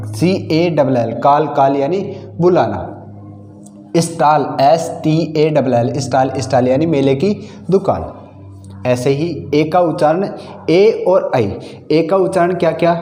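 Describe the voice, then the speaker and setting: A man teaching a beginner class, asking questions and answering them himself again and again. His voice sits a bit high yet sounds mellow. The room echoes around him. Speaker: English teacher. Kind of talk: classroom lesson.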